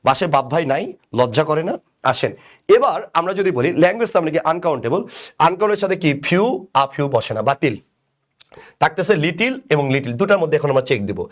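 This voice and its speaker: A man's voice: on the high side, very animated, a little fast. Chatty Bangladeshi man teaching grammar. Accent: Bangladeshi Bengali. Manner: conversational, asks and answers his own questions, repeats "right?"; banters with commenters by name. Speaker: English teacher. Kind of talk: live online grammar class.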